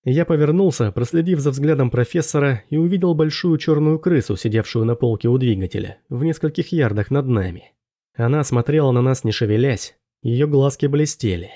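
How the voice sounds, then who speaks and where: A man narrating a first-person fantasy audiobook in a measured, steady storytelling manner. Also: medium pitch.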